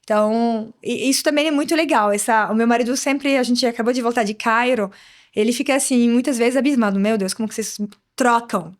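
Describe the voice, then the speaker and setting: Chatty woman, fairly high voice. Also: brisk. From Morocco. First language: Arabic. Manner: lively and chatty, often adds "né". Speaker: guest. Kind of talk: casual interview conversation.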